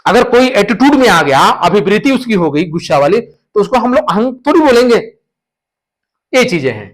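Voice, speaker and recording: A man's voice: high-pitched, big pitch swings, moderate pace. A male teacher giving a classroom lecture, explaining points through stories and repeating the key terms.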